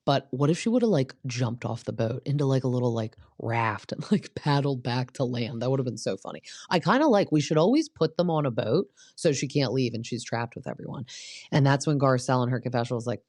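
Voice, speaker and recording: A woman's voice: rumbling low, vocal fry, darkish tone, no echo, studio quality. A woman hosting a podcast, giving a casual, opinionated recap of a reality show and filling her talk with "like". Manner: chatty and opinionated, full of "like" fillers. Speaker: podcast host.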